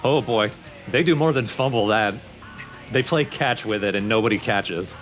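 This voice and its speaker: As a let's play co-commentator, a man shares casual, opinionated thoughts on a video game among friends, explaining what he thinks of it. His voice is on the low side and a bit bright, at a moderate pace, with game music playing behind him.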